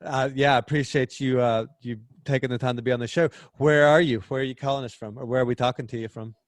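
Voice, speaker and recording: A man hosting a podcast, reading a scripted intro and then chatting with his guest, measured at first and then hesitant with fillers. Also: medium pitch, fairly even intonation, no room sound, studio quality. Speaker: podcast host. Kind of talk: scripted intro narration and casual interview.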